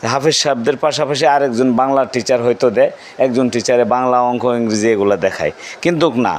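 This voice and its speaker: A man from Bangladesh, a madrasa principal, speaking informally to parents and often restarting and correcting himself. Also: mid-range voice. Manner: speaks plainly with frequent restarts and self-corrections.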